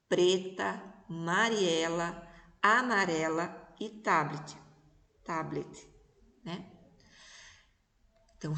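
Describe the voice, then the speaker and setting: Brazilian lady teacher, talks slow n patient to little kids, echoey room. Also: medium pitch. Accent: Brazilian Portuguese. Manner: slow, patient, stretches out syllables and sounds. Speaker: primary school teacher. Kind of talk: recorded remote lesson for young children.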